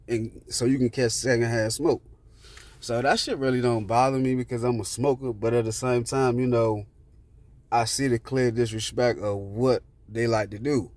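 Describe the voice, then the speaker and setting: A man's voice: medium pitch, darkish tone, dry recording. A man telling a rambling personal story in casual street slang with plenty of swearing, sitting in a parked car.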